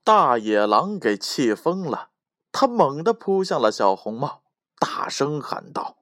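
A man reading a children's story aloud in an animated, drawn-out way. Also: mid-range voice, dry recording, clean studio sound.

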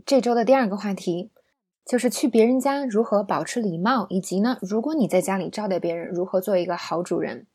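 A woman's voice: medium pitch, a little fast, a little mellow, husky. A young woman teaching an English lesson in a chatty, playful way, often asking her listeners rhetorical questions.

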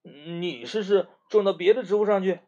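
A man's voice: sits high, normal speed, warm tone, pitched above the performer's own voice, natural voice. A man voicing a timid melon plant in a children's story who trembles and pleads. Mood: pleading. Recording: muffled lo-fi recording.

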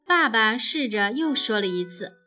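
A woman narrating a children's story in an expressive, animated way. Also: a little high, measured pace, soft background music.

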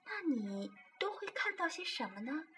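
A woman playing a gentle, worried mother fox. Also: very high voice, sing-song, soft background music, voice pushed up, heavily acted. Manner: slow, soft and worried.

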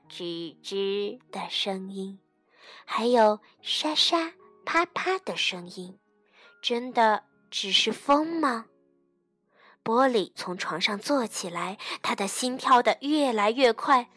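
A woman reading a children's bedtime story aloud in a gentle, expressive way. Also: medium pitch, slow pace, no room sound, soft background music.

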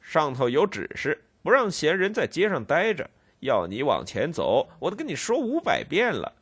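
A man's voice: a little high, big pitch swings, moderate pace, pitched above the performer's own voice. A man voicing a cold, stern police constable who speaks curtly and firmly, unmoved. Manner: curt, unmoved, loud and firm.

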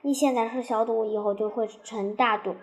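A woman's voice: on the high side, steady tone, close to an everyday voice. A woman doing a tearful old grandmother. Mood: pleading. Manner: pleading, slow and tearful. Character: elderly grieving grandmother, anxious and stern. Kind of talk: storybook reading. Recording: dull lo-fi recording.

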